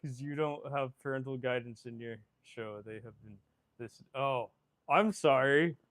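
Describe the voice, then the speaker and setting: A streamer in his twenties chats casually on a livestream, reading viewer comments aloud and rambling back with laughs, stumbles, and repeated words. His voice is mid-range and fairly bright, at a normal pace, with no room sound.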